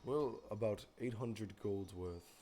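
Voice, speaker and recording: A hulking bugbear blacksmith, played by a man at the table talks shop in a steady, businesslike manner. The voice sits a little low, with a faint hiss in the room. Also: slow. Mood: matter-of-fact. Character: huge male bugbear blacksmith, calm and matter-of-fact.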